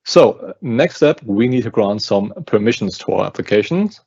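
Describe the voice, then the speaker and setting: A man with a German accent, a customer success engineer, explaining a software installation step by step on a webinar call. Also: on the low side, animated, normal speed, creaky, husky, muffled recording. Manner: explains step by step while working. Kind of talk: live technical walkthrough. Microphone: video call.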